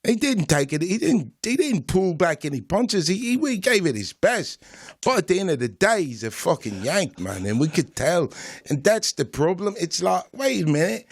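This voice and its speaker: A man's voice: extremely high pitch, normal speed, few pauses, no room sound, clean studio sound, voice pushed up. A man voicing a brash, cocky British bloke who swears and keeps saying mate. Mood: mocking. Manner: cheeky, swearing, calls people mate. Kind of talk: comedic impression in a podcast chat.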